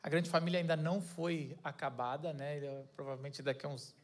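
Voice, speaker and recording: A man preaches in a loose, conversational way, with a voice that sits a little high. He jokes, trails off and corrects himself mid-sentence. The talk stays friendly and unscripted. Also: little pitch movement, a little fast. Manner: chatty, jokey, self-correcting. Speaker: pastor. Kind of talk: casual sermon with banter.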